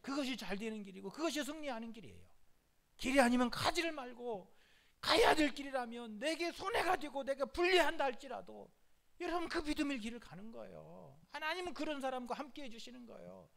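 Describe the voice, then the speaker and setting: A man's voice: extremely high pitch, animated, a little fast, vocal fry, a bit bright. A male pastor preaching a midweek sermon in an emphatic, repetitive way, calling out hallelujah often.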